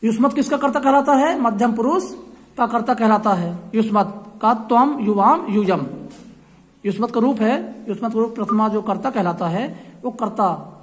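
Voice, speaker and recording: A woman's voice: fairly high pitch, moderate pace. A woman teaching a grammar lesson, explaining patiently and asking questions that she answers herself. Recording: echoey room with long reverb.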